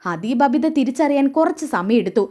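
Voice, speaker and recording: A woman's voice: high voice, animated, moderate pace, dark tone. A woman reading the lines of a blunt, defiant young adult daughter reproaching her mother. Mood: reproachful.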